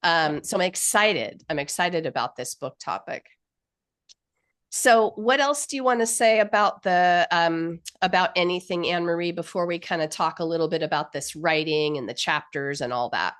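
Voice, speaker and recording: A woman in her fifties hosting an author info session over a video call, sounding nasal from a cold and talking with enthusiastic, rambling warmth. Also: fairly low pitch, normal speed. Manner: enthusiastic, grateful, rambling with fillers. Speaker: publisher and host.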